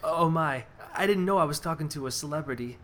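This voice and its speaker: A man's voice: on the high side, a little fast, a bit bright, lightly acted. A man playing an eager, gushing young neighbor in a radio-drama parody.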